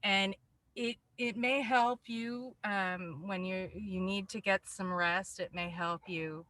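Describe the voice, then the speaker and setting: Female host, very slow and soothing, bright, dry close sound. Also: medium pitch, fairly even intonation, no room sound, rough recording. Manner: gentle, soothing, unhurried. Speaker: host of a community call. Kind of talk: calm guiding talk.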